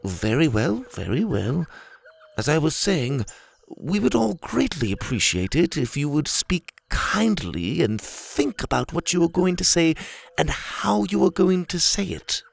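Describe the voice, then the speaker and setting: A man voicing a polite, patient male orangutan who speaks formally and gently in a storybook reading. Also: fairly high pitch, big pitch swings, measured pace, gravelly, husky, voice pushed up, exaggerated voice.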